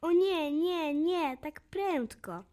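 A woman's voice: very high-pitched, lively intonation, very slow, voice pushed up, full character voice. A woman voicing a brave, curious little girl who plays detective, speaking in an eager, firm way in a children's storybook. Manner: eager, bright and bossy.

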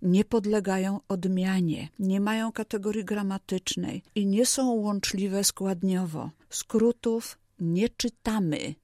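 A woman's voice: mid-range voice, slow, warm tone, dry recording, studio quality. A woman professor of language explaining usage rules on a radio programme in a precise, lecturing manner. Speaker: language expert guest. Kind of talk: radio language advice chat.

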